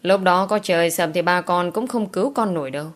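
A woman's voice: lowish voice, brisk, lightly acted. A woman voicing a stern middle-aged countryside mother who scolds her daughter firmly. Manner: firm, scolding.

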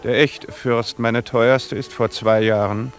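An actor playing a dry, sardonic aristocratic duke with laconic, deadpan irony, in an old radio drama. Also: male voice, mid-range voice, slow.

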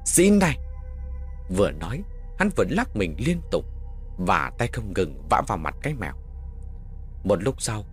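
A man narrating a horror story in the first person with dramatic, expressive delivery. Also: fairly low pitch.

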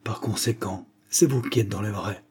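A man's voice: lowish voice, normal speed, darkish tone, husky. A man reading the part of an old, deferential estate steward in an audiobook, earnest and easily surprised.

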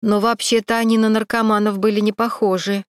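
A woman reading a calm male cameraman who soothes and explains. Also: medium pitch, brisk, clear, resonant tone, dry recording, studio quality, lightly acted. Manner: soothing, matter-of-fact.

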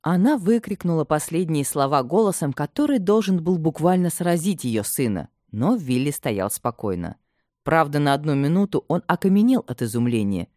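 A woman reading a novel aloud as an audiobook narrator, in an expressive, dramatic manner. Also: deep voice, normal speed, no echo, clean studio sound. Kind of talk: scripted literary narration.

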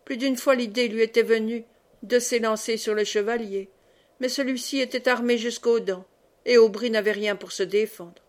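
A woman reading a novel aloud as an audiobook narrator, in a steady, measured way. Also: fairly high pitch. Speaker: audiobook reader.

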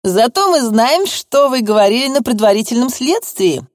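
A woman's voice: on the high side, expressive, moderate pace, dry recording, clean studio sound, voice pushed up, lightly acted. A woman voicing a showy male lawyer who speaks in a formal, officious manner. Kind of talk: audiobook reading.

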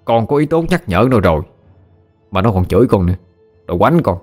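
A man's voice: medium pitch, expressive, faint music behind, close to an everyday voice. A man putting on a cheeky young villager. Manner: blunt, gossipy, fast. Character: cheeky loose-tongued young male villager.

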